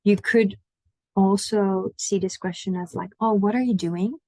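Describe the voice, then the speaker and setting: A woman's voice: mid-range voice, steady tone, a little slow, dark tone, no room sound, poor audio. A woman giving an online language lesson, patiently explaining pronunciation and inviting the listener to repeat after her. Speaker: language teacher.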